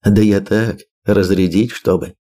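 A man reads a blunt, joking expedition leader in a storybook, talking in a slangy, mocking way. The voice sits low and dark, with a mellow tone. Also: fairly even intonation, a little slow, close to an everyday voice.

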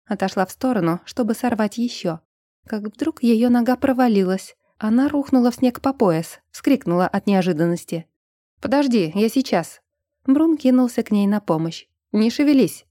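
A woman narrating an audiobook in a steady, even reading. Her voice is mellow and dark. The recording is dry and close. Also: fairly high pitch, normal speed, no room sound. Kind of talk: scripted narration.

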